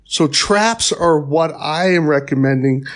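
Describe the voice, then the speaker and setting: A man's voice: a little high, measured pace. A middle-aged man giving a pest control training talk in a conversational way, with wry asides and frequent fillers and restarts. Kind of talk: instructional podcast talk.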